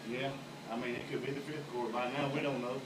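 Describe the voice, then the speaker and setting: A man adds casual, colloquial colour commentary at a football game. He sounds off-mic and echoey, set back in the space. Loud ambient noise nearly covers his medium-pitched voice. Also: little pitch movement, fast talker, distant mic. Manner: folksy, colloquial. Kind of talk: casual booth chat. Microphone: off-mic, picked up from a distance.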